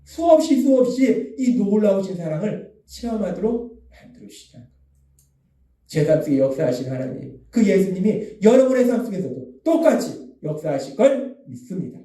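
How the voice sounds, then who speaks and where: A man's voice: high-pitched, very animated, normal speed, dark tone. A man preaching a Sunday sermon, emphatic, repeating key phrases and acting out the lines he quotes. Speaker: pastor. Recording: echoey room, voice from a distance.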